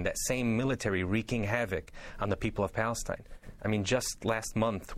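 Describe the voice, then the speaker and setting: A man, a doctor, answering interview questions with firm, steady statements. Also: lowish voice. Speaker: Palestinian American doctor guest.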